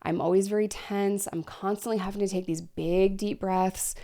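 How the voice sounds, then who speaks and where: Breathy, gravelly woman in her thirties. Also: fairly even intonation, warm tone. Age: 30s. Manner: frank, chatty, breathy pauses for deep breaths. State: short of breath. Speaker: vlogger. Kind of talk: candid personal vlog. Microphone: desk microphone.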